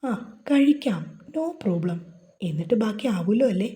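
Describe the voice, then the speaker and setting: A woman's voice: medium pitch, expressive, normal speed, dark tone, lightly acted. A woman voicing a sulky young husband who turns playfully teasing in a romance novel reading. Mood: tender teasing.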